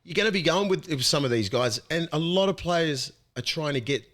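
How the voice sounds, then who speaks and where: An Australian man with a slightly higher speaking voice talks sport in a casual podcast chat. He is blunt and heated and swears freely as he vents. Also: animated, fairly quick, a bit bright. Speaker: podcast host.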